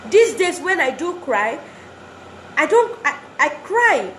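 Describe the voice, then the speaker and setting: High-voiced woman giving an earnest talk. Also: big pitch swings, slow, fairly bright tone. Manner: earnest, exhorting, repeats phrases for emphasis. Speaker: speaker addressing wives. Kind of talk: motivational talk. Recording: roomy echo, faint background noise.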